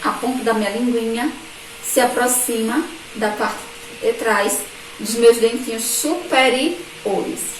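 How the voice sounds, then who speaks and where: A woman teacher with a Brazilian Portuguese accent giving a remote lesson to young children, spelling words out slowly, syllable by syllable. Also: on the high side, slight background noise. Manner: slow, syllable-by-syllable teacher talk with diminutives. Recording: echoey distant room mic, faint ambience.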